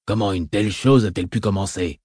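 A man voicing a cold, scheming, menacing baron in an audiobook reading, curt and measured. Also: fairly low pitch, a little mellow, husky, no room sound, studio quality.

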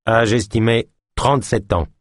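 A man's voice: lowish voice, fairly even intonation, normal speed, no room sound, studio quality, natural voice. A man voicing a machine implant that reports its analysis in a clipped, clinical way.

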